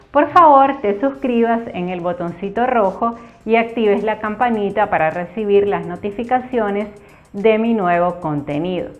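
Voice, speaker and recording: A woman teaching an online Spanish grammar lesson, explaining patiently and repeating key words slowly. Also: medium pitch, phone-quality sound. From Nicaragua.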